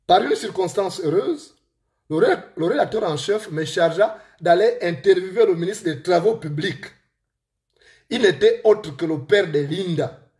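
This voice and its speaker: A man with a Gabonese accent, an author telling a story to listeners and reading aloud from his own book in a lively way. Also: high voice.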